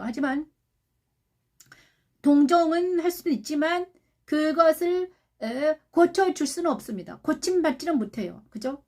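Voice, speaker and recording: A woman pastor preaches a sermon in a high voice. She repeats her phrases and keeps asking the congregation rhetorical questions. Her delivery swings between quiet passages and louder ones. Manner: shifts from soft to loud delivery.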